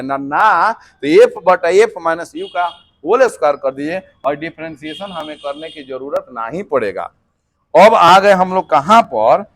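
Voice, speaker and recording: A man teaching a physics lesson for exam preparation, mixing in English terms and answering his own questions. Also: a little high. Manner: lively, mixes English terms, asks and answers himself.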